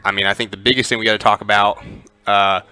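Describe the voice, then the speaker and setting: A man calls pregame football talk in a relaxed, chatty way, his speech full of "uh" and "you know" as he builds toward animated stories. His voice sits a little low but comes through bright, forceful and smooth. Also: fast, dry recording. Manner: conversational, many "uh" fillers, animated storytelling. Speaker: sports commentator.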